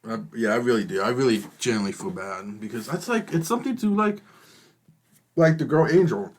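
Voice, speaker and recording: A man co-hosting a podcast, talking in a halting, hesitant way full of fillers and restarts. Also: medium pitch, expressive. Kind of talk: casual chat.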